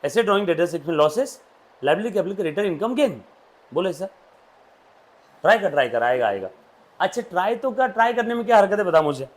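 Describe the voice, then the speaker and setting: A man's voice: high-pitched, sing-song, fast, pauses often. A man, teaching accountancy to a classroom and drilling students with questions. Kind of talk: classroom lecture.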